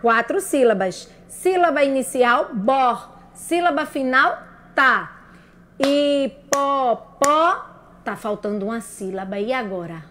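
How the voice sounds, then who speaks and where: A woman teacher with a high, bright pitch walks young children through syllables at an unhurried pace. She sounds out each word piece by piece and checks in with a rising question. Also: expressive, slight background noise. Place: broadcast lesson for radio and video.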